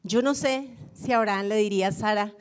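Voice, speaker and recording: A woman's voice: mid-range voice, a little fast, clear, resonant tone. A woman pastor, preaching a sermon in a reflective storytelling way and often repeating phrases for emphasis. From Colombia.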